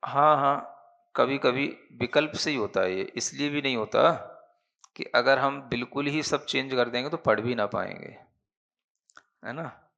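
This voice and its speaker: A man leads a grammar lesson at an unhurried pace, his voice grainy with fry. He explains patiently and keeps checking that his listeners follow. The recording sounds muffled and lo-fi. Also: mid-range voice, sharp tone. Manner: slow, patient, checks understanding with "है ना?". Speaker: Jain monk teaching Prakrit.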